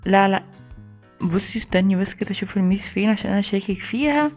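A woman's voice: mid-range voice, a little mellow, soft background music, close to an everyday voice. A woman with an Egyptian accent voicing a mischievous young boy prankster in a toy play video. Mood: plotting. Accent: Egyptian Arabic. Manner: scheming, rapid chatter.

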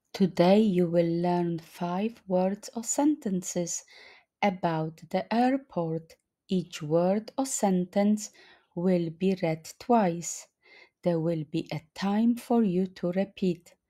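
Very slow, mellow-voiced woman teacher. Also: fairly low pitch. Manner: deliberate, repeats each phrase twice. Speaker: language teacher. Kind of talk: slow flashcard-style language lesson.

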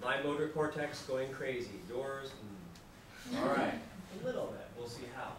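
A man giving a classroom lecture to students, lively and acting out examples as he explains. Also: medium pitch, measured pace. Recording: very echoey room, distant mic, background noise.

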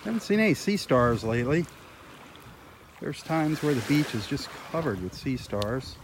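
A man giving relaxed, unhurried commentary while walking a beach, filmed on a handheld phone outdoors. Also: medium pitch. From Florida, USA. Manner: easygoing, unhurried remarks between pauses. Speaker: beach walk host. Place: outdoors on a sandy beach by the water. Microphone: handheld phone, filming while walking. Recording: outdoor wind and surf noise.

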